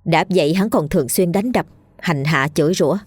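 A woman narrating a scripted ghost story with steady, dramatic storytelling. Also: fairly low pitch, a little fast, husky, no room sound.

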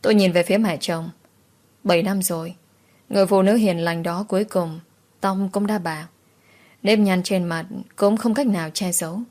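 Female audiobook narrator, low-pitched voice, dramatic first-person romance reading. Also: fairly even intonation, moderate pace, a little mellow. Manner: dramatic, emotional storytelling.

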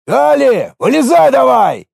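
A man's voice: sits high, expressive, a little slow, vocal fry, darkish tone, husky, no echo, studio quality, voice pushed up, full character voice. A man reading an audiobook, voicing an impatient local guard who barks orders. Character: gruff male local guard, bossy.

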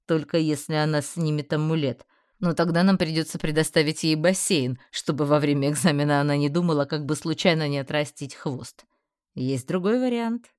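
A woman's voice: low-pitched, a little mellow, dry recording, studio quality, lightly acted. A woman voicing a cheerful, commanding male magister who sounds amused while giving orders. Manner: jovial and amused, yet commanding.

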